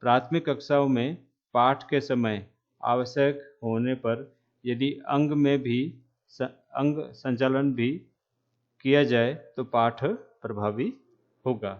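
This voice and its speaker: A man lecturing trainee teachers, speaking slowly and repeating key terms, with frequent checks that the class is following. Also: medium pitch, fairly even intonation, muffled recording. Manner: asks "है ना?" to check understanding.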